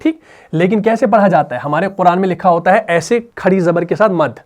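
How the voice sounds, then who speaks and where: A man with a high, light voice and an Urdu accent leads a Quran recitation lesson. He explains in a lively way and keeps asking his students questions before he answers them. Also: fairly quick. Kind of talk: tajweed lesson.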